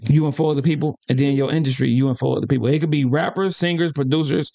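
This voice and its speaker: Fast-talking, gravelly podcast host. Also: male voice, a little high, fairly even intonation, dark tone, no room sound. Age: 30s. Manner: rapid, hyped, swears a lot. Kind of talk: casual interview chat. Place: small home studio. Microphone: studio mic on boom arm.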